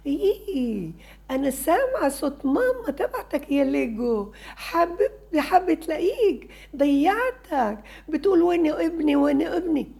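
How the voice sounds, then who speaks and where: A woman plays a sobbing mother from a little storybook scene, calling out for her lost child. The voice climbs high and breaks with tears, with a gravelly, dark tone. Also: big pitch swings, moderate pace, full character voice. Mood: tearful pleading. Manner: high, crying, pleading tone.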